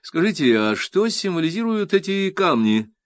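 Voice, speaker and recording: A man's voice: sits high, very animated, normal speed, dry recording, clean studio sound, voice pushed up. A man voicing a businesslike, gushing woman art patron who is polite and eager.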